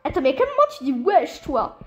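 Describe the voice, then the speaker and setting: A woman's voice: high-pitched, animated, normal speed, darkish tone, soft background music, pitched below the performer's own voice. A woman voicing a fussy, worried father of a teenager in a toy-game story, exasperated and fretting. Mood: indignant.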